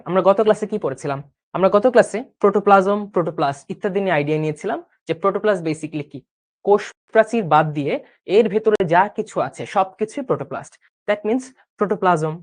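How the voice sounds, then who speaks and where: Male tutor, 20s, brisk quiz-style recap with frequent check-ins and English asides. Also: on the high side. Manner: brisk quizzing, checking in often with rhetorical questions; mixes English words into his speech. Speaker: biology tutor. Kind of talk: online recap lesson.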